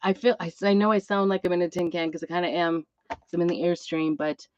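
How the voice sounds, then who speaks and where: A woman's voice: lowish voice, steady tone, fast talker, a little mellow, no echo. Woman with a dull, boxy sound, chatting while ill. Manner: chatty, rambling. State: ill with a cough and plugged ears. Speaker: craft channel host, music teacher. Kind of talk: casual chat to a live craft audience. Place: inside an Airstream trailer. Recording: dull, boxy tin-can sound, close and dry.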